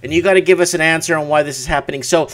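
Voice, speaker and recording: A man's voice: fairly high pitch, rapid-fire, a bit bright. A man hosting a casual late-night live stream, speaking emphatically and repeating words for effect. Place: small home office at night.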